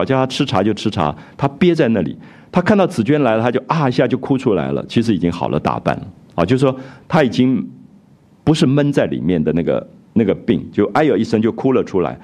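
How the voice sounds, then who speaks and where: A man giving a reflective, expressive lecture on a classic novel, retelling scenes and explaining them. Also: mid-range voice. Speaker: literature lecturer.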